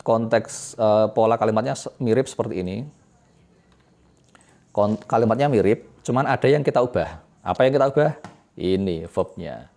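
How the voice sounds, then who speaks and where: Male self-taught English tutor, low gravelly voice, casual and chatty, lots of fillers. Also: normal speed. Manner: relaxed, chatty explaining with fillers and self-corrections.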